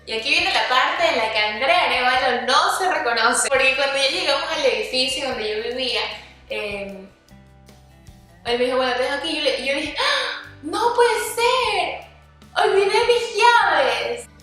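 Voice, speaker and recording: A young woman from Ecuador telling a casual storytime vlog, lively, sometimes acting out quoted dialogue. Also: sits high, a little fast, recorded from a distance. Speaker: vlogger. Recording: echoey room, voice a bit off-mic, faint music.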